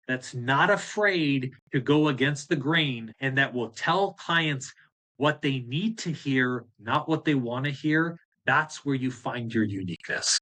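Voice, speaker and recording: A man's voice: mid-range voice, fairly bright tone. Blunt, fired-up male business coach. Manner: direct, blunt and fired up, with casual swearing. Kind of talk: live group coaching session.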